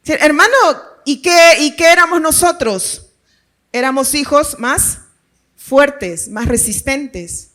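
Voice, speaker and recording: High-voiced woman pastor preaching. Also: slow pace. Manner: animated, laughing storytelling with rhetorical questions. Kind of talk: sermon.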